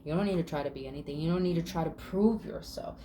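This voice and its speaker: Low and dark in tone, this woman's voice is heard over slight background noise while she reads tarot in a casual, spiritual way. She's affirming and talkative, drawing out words, cursing casually, and murmuring "mm" as she moves between card meanings.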